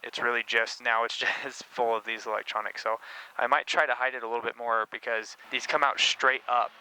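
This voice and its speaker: Talking fairly quickly in a clear, resonant mid-range voice, the host of a car-build channel chats informally about gear for his vlog. The recording is rough, made inside a noisy race car cabin with constant engine sound in the background.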